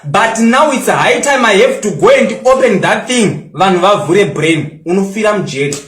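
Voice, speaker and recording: Angry and boastful, a Zimbabwean social media personality in his twenties mocks a critic in a response rant, blending English with his local language. His high-pitched voice is expressive and fairly bright at a moderate pace, with a reverberant sound.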